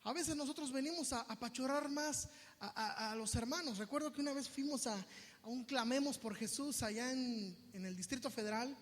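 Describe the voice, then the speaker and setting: A Mexican pastor with a strikingly high voice and a Mexican Spanish accent preaches a sermon at a moderate pace, swinging emphatically from a hush to a shout and acting out others' voices. His words echo with a long reverb through the church sanctuary.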